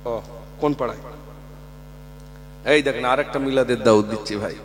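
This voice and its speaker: A man's voice: mid-range voice, normal speed. Impassioned male preacher, long reverb. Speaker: preacher at a religious gathering. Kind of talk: fiery sermon with chanted passages. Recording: long reverb with faint mains hum.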